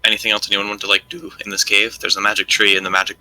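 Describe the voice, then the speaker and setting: A man's voice: lowish voice, flat delivery, racing, a crowd in the background, poor audio. A man playing in a tabletop game, chatting casually and rambling with lots of "like"s. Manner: rambling, with many "like"s and restarts. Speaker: player.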